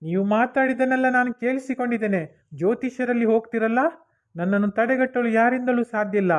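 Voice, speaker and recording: A man's voice: extremely high pitch, fast. A man voicing a vengeful ghost spirit with a Mangalore Kannada accent, making boastful threats. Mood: menacing.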